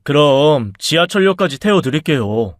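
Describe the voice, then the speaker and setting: A mild, dutiful husband and son from an audiobook story who speaks in a polite, placating way, as a man acts him out. The voice sits a little high. The sound is dry and close. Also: big pitch swings, moderate pace, no room sound.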